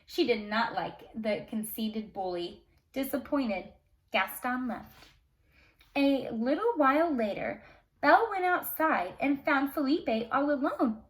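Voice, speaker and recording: A woman with a high-sitting voice reads a fairy tale aloud to children at a slow pace, dramatic and expressive, with casual asides. She's a storyteller and teacher, and the audio quality is poor.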